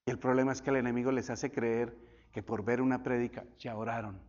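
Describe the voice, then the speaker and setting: A male pastor telling stories in a sermon, swinging from loud, high bursts to hushed, near-whispered lines. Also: fast. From Colombia. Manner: animated storytelling with sudden drops to near whisper. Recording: dull echoey church hall.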